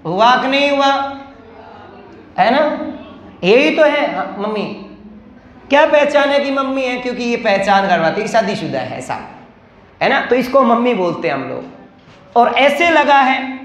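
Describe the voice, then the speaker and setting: A man's voice: extremely high pitch, a bit bright, echoey room. A male teacher giving a classroom lecture, asking questions and answering them himself.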